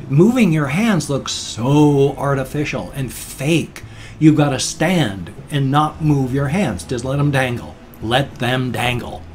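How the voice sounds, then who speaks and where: Sitting down and talking with his hands, a vlogger in his fifties chats casually, rambling in an earnest, self-deprecating way. He speaks at a medium pitch. There's a little hiss or hum on the recording.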